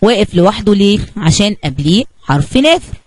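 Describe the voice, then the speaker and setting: Animated Egyptian woman telling a lesson story. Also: medium pitch, fast, dry recording, low-quality recording. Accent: Egyptian Arabic. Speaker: kindergarten teacher. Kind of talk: children's lesson narration.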